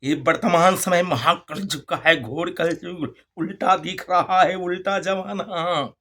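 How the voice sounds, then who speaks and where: A man's voice: high voice, fairly bright tone. A male preacher telling a moral folk fable in a sermon, repeating phrases and asking the listeners rhetorical questions. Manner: drawn-out, storytelling delivery.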